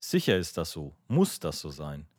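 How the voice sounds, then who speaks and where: A man's voice: very deep voice, huge pitch swings, moderate pace, a little mellow, dry recording, studio quality, voice pushed down, heavily acted. A man voicing a brooding, sardonic young intellectual in an audiobook reading.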